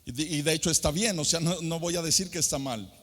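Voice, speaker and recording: A high-voiced Mexican pastor, middle-aged, preaching at a youth conference. He rises into an almost sung emphasis and keeps throwing rhetorical questions at the crowd. His voice rings with a long hall reverb. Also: quick pace, a bit bright. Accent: Mexican (San Luis Potosí). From San Luis Potosí, Mexico. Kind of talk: sermon.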